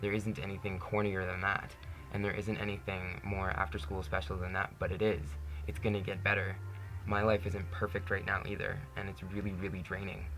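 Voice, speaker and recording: A man's voice: deep voice, bright, forceful tone. A young man in his twenties from Canada, speaking candidly to camera in a personal monologue, earnest and peppered with "you know". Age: 20s. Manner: earnest, candid, says "you know" constantly, laughs often. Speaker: vlogger.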